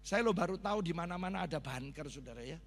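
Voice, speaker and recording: A middle-aged man with a Javanese accent, a pastor telling a sermon story with animated sound effects and Javanese asides. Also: on the high side, fast talker. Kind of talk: sermon testimony. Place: large church hall. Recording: long reverb of a church hall.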